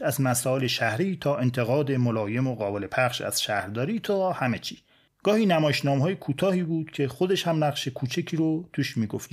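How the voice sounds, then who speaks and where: Man telling a story with lively quoted voices. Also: mid-range voice. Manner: lively, acts out quoted dialogue in small voice shifts. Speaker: podcast host. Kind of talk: storytelling narration.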